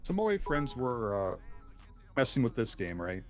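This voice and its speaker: A man speaking through a deep, pitch-shifted voice changer as an interviewed hacker, explaining in a hesitant, rambling way with many ums and restarts. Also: very animated, normal speed, soft background music. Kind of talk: casual call-in interview.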